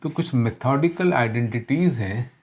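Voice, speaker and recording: A man's voice: mid-range voice, animated, moderate pace, a little mellow. A man teaching a math lesson, mixing in English terms, explaining step by step and asking rhetorical questions. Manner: self-correcting, asks rhetorical questions.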